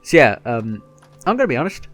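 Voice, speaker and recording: A man's voice: mid-range voice, sing-song, a little fast, a bit bright, faint music behind. A man hosting a casual gaming podcast, running through news in a rambling, self-correcting, upbeat way. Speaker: podcast host.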